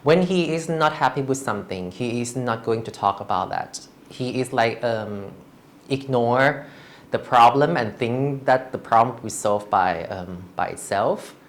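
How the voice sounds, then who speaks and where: Slow, halting woman from Thailand. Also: extremely low pitch. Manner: hesitant, halting, frequent restarts. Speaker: interview guest. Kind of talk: candid personal interview.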